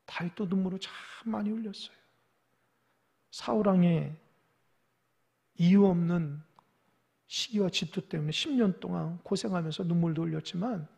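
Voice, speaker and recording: A male pastor preaching a sermon with dramatic delivery, acting out quoted dialogue and swinging between loud pleading and hushed whispers. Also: high-pitched, creaky, slightly rough. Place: church sanctuary.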